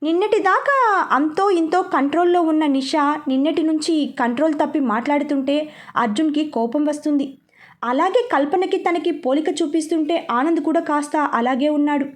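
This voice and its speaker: A woman reading aloud a serialized novel as storyteller, steady and expressive. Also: sits high, normal speed. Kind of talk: scripted narration of a serialized novel.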